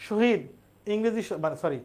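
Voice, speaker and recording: High-voiced teacher. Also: male voice, animated, normal speed, darkish tone. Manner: explains step by step, asks and answers own questions. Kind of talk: spelling lesson.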